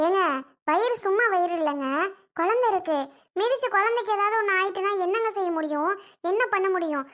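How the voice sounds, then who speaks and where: Hot-tempered young mother, played by a woman; high, bright, quick to argue back. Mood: defensive. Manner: sharp, defensive, argumentative. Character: short-tempered young mother defending herself. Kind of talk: family skit acting.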